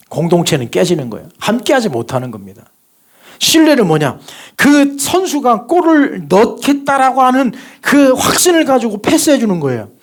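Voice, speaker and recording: A male pastor delivering a sermon at a church service, his fairly high voice swinging up and down with great animation. He presses his points through emphatic, repeated exhortations to the congregation.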